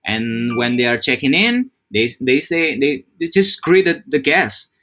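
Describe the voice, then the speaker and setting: In a relaxed internal training talk, a young man from Java, Indonesia, who trains hospitality staff, coaches colleagues on serving guests. He sounds animated and fairly bright at an ordinary mid pitch, slipping English buzzwords into casual speech and often stopping with fillers to restart his sentences.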